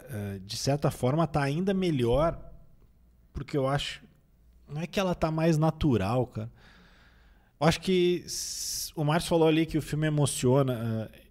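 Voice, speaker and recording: A man with a nasal voice from a cold, chatting casually as a film critic. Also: a little high. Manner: relaxed, rambling with restarts. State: recovering from a cold. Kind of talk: casual film review chat.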